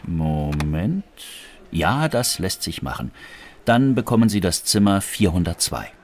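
A courteous male hotel desk clerk in a language-course dialogue. His voice sits a little low and moves in a lively way, sounding helpful. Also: a little slow.

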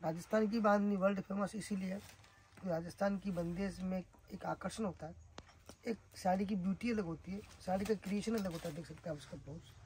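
A man from Rajasthan, giving an emphatic, repetitive sales pitch for the sarees he makes. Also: fairly even intonation, a little fast, noisy background. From Rajasthan, India. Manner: emphatic, repetitive praise of the goods. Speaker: saree seller and manufacturer. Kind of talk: sales pitch showing products.

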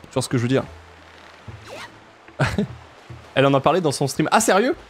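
A man with a southern French accent, chatting casually and jokily while playing a game, often jumping up in pitch for emphasis. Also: animated, normal speed, slightly rough, faint music behind. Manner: chatty, jokey, jumps to high pitch for emphasis. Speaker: let's play streamer. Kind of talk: casual gameplay commentary.

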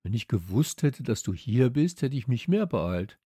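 Man doing a slangy good-natured schoolboy, casual, lively intonation. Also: mid-range voice, moderate pace, slightly rough, no echo, studio quality. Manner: loose street slang.

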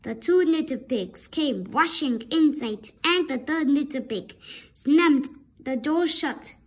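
A high-pitched woman reads a children's story aloud, narrating in a deliberate, expressive way like a storybook reader.

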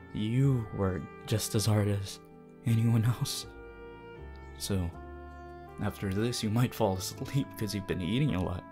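Man voicing Hitoshi Shinsou, slow low sly flirt. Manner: slow, hushed, teasing, pauses often. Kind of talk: ASMR character roleplay to the listener.

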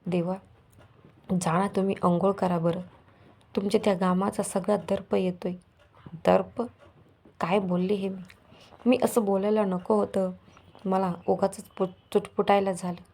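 Woman narrating a story flatly. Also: medium pitch, unhurried, creaky, long pauses. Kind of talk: first-person story narration.

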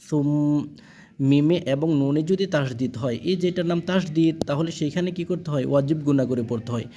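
A man teaching Quran reading, spelling out letters and vowel marks one by one. He stretches the recited words slowly and keeps checking that the learner follows. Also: fairly high pitch, mellow, a little hiss or hum. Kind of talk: spelling-out Quran lesson, call and repeat.

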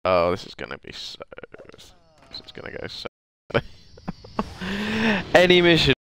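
Sick with a cold and sniffling, a gameplay commentator talks through a video game in a medium-pitched, sing-song voice that's fairly bright and a little slow. The desk mic picks up a bit of hiss or hum as he chats, mocks himself and mumbles under his breath.

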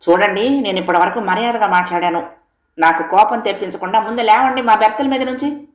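A woman voicing a quarrelsome middle-aged man on a train who argues loudly with a raised voice, in an echoey room. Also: medium pitch, a little fast, natural voice. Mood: irritated. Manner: loud, combative, raised voice.

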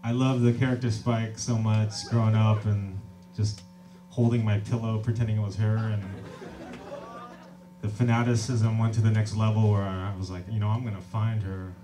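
Speaking at a moderate pace in a lowish voice, this laid-back singer-songwriter and label owner chats easily from the stage, poking fun at himself and laughing often between songs. It's a small, packed indoor club, and his stand mic is heard from out in the audience. Acoustic guitar and crowd noise fill the distant live-room sound.

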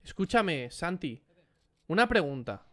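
A man chats about a match as a streamer host. His pitch rides a touch high and swings widely as he exclaims and swears over the plays. The talk stays loose and animated. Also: a little slow. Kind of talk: casual gaming chat.

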